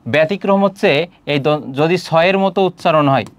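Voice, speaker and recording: A young man teaching an exam-prep grammar lesson, explaining step by step, quizzing students and often pausing on "ah" and clearing his throat. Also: on the high side, animated, dry recording. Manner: frequent hesitant "ah" fillers and throat clearing.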